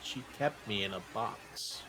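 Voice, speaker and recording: A small, gentle magical creature from a tabletop game, acted by a man. It speaks slowly and haltingly, soft and earnest, with faint noise behind it. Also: fairly low pitch, voice pushed down. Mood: wounded. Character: small timid gentle magical creature, once kept boxed. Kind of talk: tabletop role-play acting.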